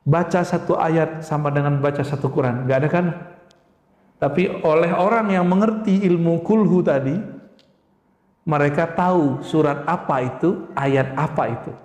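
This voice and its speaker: A man delivers an emphatic sermon in a high voice, often throwing rhetorical questions at the congregation. His words ring out in a large hall with a long, roomy reverb. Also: moderate pace, a little mellow. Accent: Indonesian. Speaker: preacher. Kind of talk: religious lecture to a congregation.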